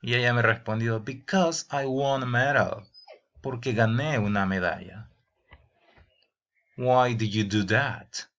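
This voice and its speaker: A man with a medium-pitched, slightly bright voice takes it slowly, with long pauses, as he teaches English grammar to teenagers he addresses as "jóvenes." In this bilingual lesson, captured as a dull lo-fi recording, he reads each example question and renders it in Spanish.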